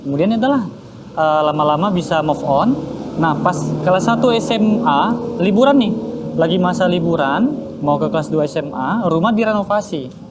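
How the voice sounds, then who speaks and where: A man telling his personal conversion story in a casual interview, animated and acting out his parents' voices. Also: sits high, moderate pace, very noisy. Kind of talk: casual spoken testimony.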